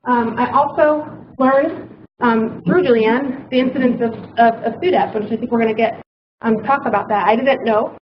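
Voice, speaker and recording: A woman's voice: a little high, moderate pace. Hesitant woman doctor giving a talk. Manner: hesitant, many ums. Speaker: doctor, conference speaker. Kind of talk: conference talk. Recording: muffled, noisy hall recording.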